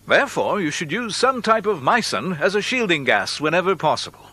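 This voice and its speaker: Bright-voiced male training-film narrator. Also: high-pitched, very animated, slightly rough, no echo. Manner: measured, instructive, precise. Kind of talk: scripted industrial training narration. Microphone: studio voice-over. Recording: faint music behind narration.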